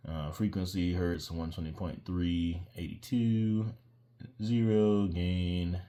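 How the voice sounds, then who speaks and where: Deep-voiced man rambling through his mix. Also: fairly even intonation, takes it slowly, mellow. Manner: rambling, self-deprecating, digresses. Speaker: musician walking through his own mix. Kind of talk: casual screen-share tutorial.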